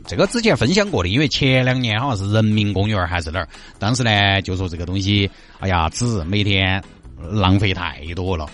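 A man with a fairly low voice and very animated intonation speaks as a radio host in a Sichuan accent. He comments on the news in a casual, chatty way, putting rhetorical questions to his listeners.

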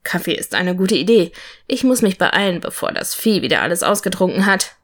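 A woman voicing an affectionate, teasing young male dark mage in a storybook, speaking in a soft murmur. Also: fairly low pitch, very animated, fairly quick. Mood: dry.

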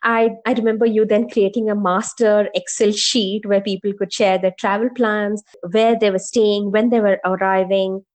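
A woman co-hosting a casual podcast who tells her stories with lively energy and acts out the voices of the people she quotes. Her voice sits at a middle pitch for a woman. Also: moderate pace, hardly any pauses. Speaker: podcast co-host.

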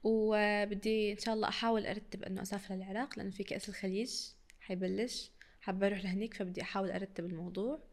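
Racing along in a level, mid-range voice, a young woman from Iraq chats casually as a podcast interview guest. She laughs frequently and switches between dialects, her accent a mix of Syrian and Iraqi Arabic.

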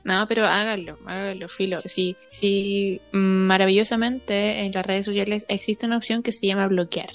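A young woman with a Chilean accent, co-hosting a podcast in relaxed, casual chat and dropping English words into her talk. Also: mid-range voice, moderate pace, hardly any pauses, faint music behind. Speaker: podcast co-host.

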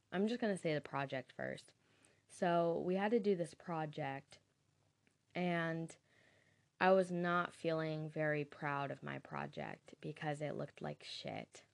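A young woman tells a candid, casual story in a deep, low voice. She talks slowly and unhurriedly, swearing now and then and laughing at herself. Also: gravelly.

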